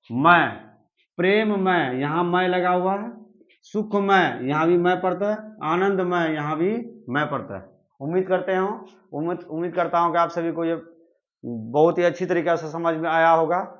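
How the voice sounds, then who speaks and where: A man teaching an exam-prep grammar lesson, repeating each example slowly and addressing his students. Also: fairly high pitch. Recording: muffled lo-fi recording.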